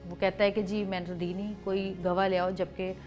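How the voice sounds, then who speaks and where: A woman's voice: medium pitch, level tone. Talk show host, woman, mid-range voice, inquiring tone, light music bed. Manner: asking questions, brief reactions.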